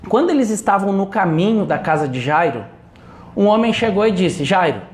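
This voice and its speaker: A man giving an inspirational religious talk, telling a Bible story slowly and deliberately, with emphatic pauses. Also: high voice, lively intonation, darkish tone. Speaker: speaker. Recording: roomy echo.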